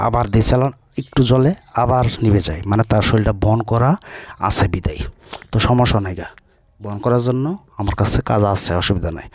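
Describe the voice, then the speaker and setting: Fast-talking low-voiced man. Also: darkish tone, dry recording. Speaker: folk healer demonstrating a ritual. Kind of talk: casual spoken instruction to camera.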